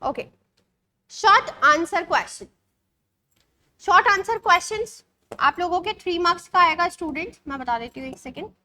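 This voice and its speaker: A woman's voice: very high-pitched, sharp tone. A young woman with an Indian accent teaching an exam-prep English lesson online, mixing Hindi and English and checking in with her students often. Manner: switches between Hindi and English, reads passages slowly; checks in often with short questions.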